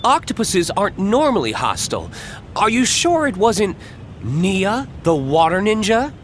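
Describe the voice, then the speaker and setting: An audiobook narrator voicing a brisk, pushy woman TV reporter hungry for a scoop. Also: mid-range voice, very animated, a little hiss or hum, pitched above the performer's own voice. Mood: eager brisk. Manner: brisk, announcer-like. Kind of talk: audiobook character voice.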